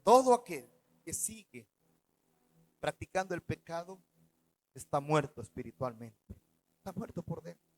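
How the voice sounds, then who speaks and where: A man, a pastor preaching a sermon, swinging between loud and soft as he retells stories in the first person. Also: very animated, unhurried, long pauses, soft background music, low-quality recording. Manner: preaching with dramatic swings in loudness and pitch.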